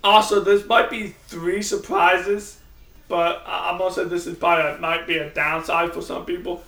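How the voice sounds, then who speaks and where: Man, casual vlog book review, high voice, gravelly, echoey room. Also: little pitch movement, moderate pace, pushed and bright. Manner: chatty, rambling, often restarting sentences. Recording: echoey room, mic at a distance.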